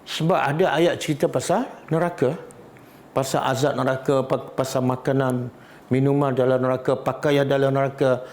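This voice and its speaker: A man's voice: medium pitch, flat delivery, normal speed, a little mellow. A man with a Malaysian Malay accent teaching a Quran study class, often asking the audience questions and repeating key words. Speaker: religious teacher.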